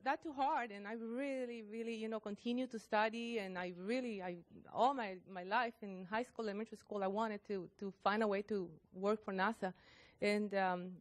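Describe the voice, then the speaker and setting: Earnest woman from Costa Rica in her fifties. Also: medium pitch. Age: 50s. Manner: earnest, halting with many fillers. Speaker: NASA civil servant on a panel. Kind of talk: panel talk, personal story.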